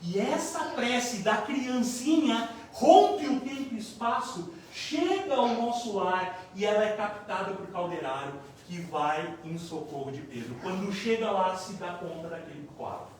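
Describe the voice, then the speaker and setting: A man giving a spiritist lecture, telling a story dramatically with big swings in loudness. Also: sits high, lively intonation, a little slow, hardly any pauses. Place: lecture hall. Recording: echoey hall from far off, faint noise.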